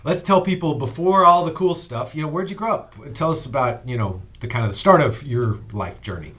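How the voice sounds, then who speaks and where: A man's voice: a little high, animated, a little fast, fairly bright tone. A man hosting a podcast interview, enthusiastic and full of fillers as he introduces his guest. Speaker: podcast host.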